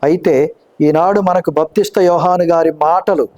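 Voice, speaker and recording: A man preaching a sermon, reading scripture slowly and deliberately and asking rhetorical questions. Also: on the high side, fairly even intonation, mellow, lo-fi sound.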